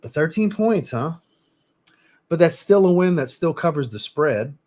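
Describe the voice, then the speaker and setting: A man's voice: fairly high pitch, lively intonation, measured pace, a little mellow. A man hosting a live stream in a casual, rambling way, blunt and cursing now and then, often restarting and repeating himself. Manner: rambling and blunt, with mild swearing. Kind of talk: casual live chat commentary.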